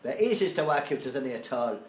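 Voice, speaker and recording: A man's voice: medium pitch, very animated, quick pace, a little mellow, roomy sound, lightly acted. A man voicing a homesick, lazy Irish man reciting song lyrics in a put-on Irish accent that drifts toward Scottish, in a sing-song manner. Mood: wistful.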